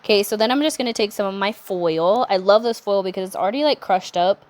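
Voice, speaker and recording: A young adult woman talking through a nail art tutorial in a chatty, relaxed way, with self-correcting asides. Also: medium pitch, fast talker. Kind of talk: casual step-by-step tutorial narration.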